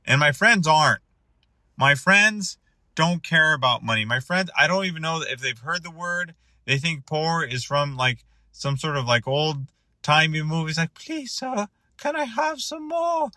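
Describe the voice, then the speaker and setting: Bright-voiced man rambling comedic monologue. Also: a little high, measured pace, no room sound. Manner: rambling, self-interrupting, exasperated. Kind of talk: rambling stand-up style monologue.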